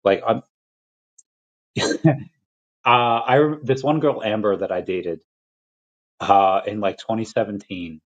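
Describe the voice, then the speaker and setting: A young man from Peru hosting a casual livestream chat, rambling and restarting his sentences, with quick laughs between thoughts. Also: lowish voice. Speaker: crypto livestream host. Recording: lo-fi dull audio.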